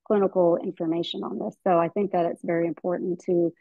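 A woman's voice: fairly low pitch, flat delivery, quick pace, creaky, no echo. A woman gynecologist from the American South, speaking as a guest in a webinar interview over a video call, thinking aloud with many fillers and restarts. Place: indoor room at home. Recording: dull dry video call audio.

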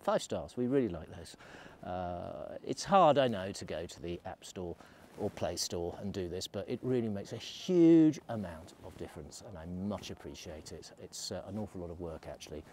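A middle-aged man with a low, animated, slightly mellow voice talks at a moderate pace with few pauses, and there's slight background noise. He's out on a snowy ski slope, filming a chatty, rambling vlog on a selfie camera held at arm's length.

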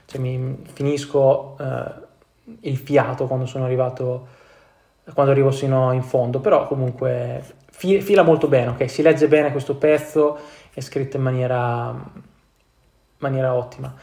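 A man's voice: mid-range voice, fairly even intonation, measured pace, vocal fry, dark tone, roomy sound. A man teaching copywriting, reading ad copy aloud and commenting on it casually, with laughs, swearing and frequent restarts. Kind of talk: casual screen-share commentary.

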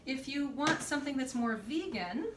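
A woman in her thirties hosts a casual kitchen demonstration in her home kitchen, chatty and upbeat, explaining as she goes. Her high-pitched voice has lively intonation at a moderate pace, picked up by a camera at counter distance with some background noise.

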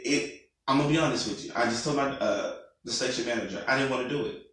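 A man interviewing a guest in a radio studio, excitable and prone to stammering. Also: mid-range voice, fast. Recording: echoey room.

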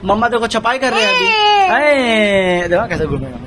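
Crowd noise accompanies a young man whose voice sits high and sounds very animated at normal speed. As a family vlogger in a small home during rain, he casually chats and playfully teases his baby son, all captured on a noisy phone recording.

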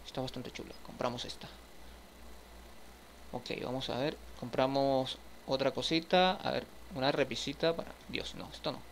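Guy streaming a game, chats to viewers nonstop, gravelly voice, bit of background hiss. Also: medium pitch, normal speed. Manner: chatty, talks to viewers while furnishing a house. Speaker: gaming streamer. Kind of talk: casual gameplay commentary.

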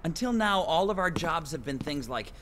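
A man's voice: on the high side, expressive, moderate pace, a crowd in the background, natural voice. An actor playing a brash, impatient young male detective who runs his own agency in a video game. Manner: cocky and impatient.

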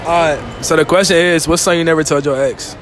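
High-voiced teen guy interviewing in a mall. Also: steady tone, fast, a bit bright. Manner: joking, teasing, laughs often. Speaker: street interviewer. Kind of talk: casual mall street interview. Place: large indoor shopping mall. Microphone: handheld phone. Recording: noisy mall ambience.

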